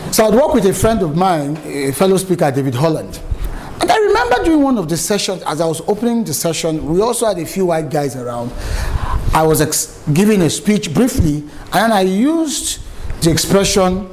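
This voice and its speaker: This lecture on public speaking comes from a middle-aged Nigerian man who grew up in Lagos, and he tells plenty of anecdotes with lively emphasis. His voice sits high with a darkish tone, very animated, at normal speed. There's slight background noise.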